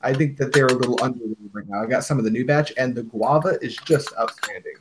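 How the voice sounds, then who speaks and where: An easygoing man chatting on a livestream, talking with an ordinary mid-pitched voice. He is agreeable and talkative, and he keeps the talk loose and friendly. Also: fast, background noise. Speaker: livestream host. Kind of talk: casual livestream chat about hookah tobacco.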